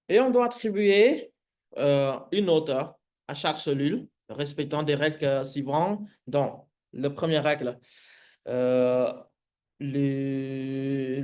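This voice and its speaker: Slow, halting man with foreign accent in French. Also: fairly high pitch, darkish tone. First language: not French. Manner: halting, searching for words, frequent hesitations. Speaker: programming instructor. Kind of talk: live coding lesson, explaining an exercise.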